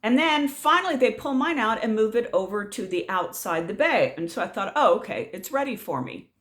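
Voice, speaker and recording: A woman's voice: on the high side, animated, a little fast, a bit bright. A middle-aged woman vlogger telling a story in a casual rant, exasperated and sarcastic.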